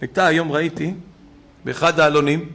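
A man preaching a sermon, fiery, swinging between shouted emphasis and quiet storytelling. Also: a little high, fairly even intonation.

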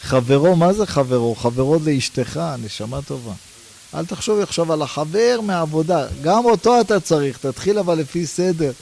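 A man preaching a sermon, animated, firing rhetorical questions and swinging between loud and hushed delivery. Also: on the high side, creaky, a little hiss or hum, poor audio.

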